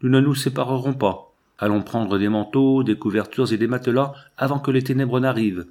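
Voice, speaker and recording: A man's voice: mid-range voice, a little fast, darkish tone, pitched above the performer's own voice, lightly acted. A man reading the lines of an aged male scientist, grave and solemn in his delivery.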